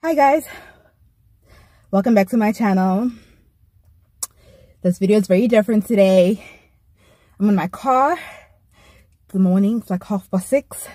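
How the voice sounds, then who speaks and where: A young woman in her twenties, a travel journalist talking casually and excitedly to her vlog audience in loose, rambling sentences. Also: mid-range voice, a little slow, long pauses, dry recording. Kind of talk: casual vlog talk to camera.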